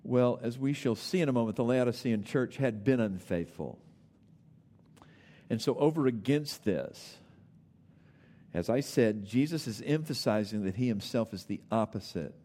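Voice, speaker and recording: A male preacher delivering a sermon at a middle pitch. He stresses each point by saying it twice, and he pauses to ask his listeners direct questions. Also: dark tone. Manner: emphatic, repeats key points for stress.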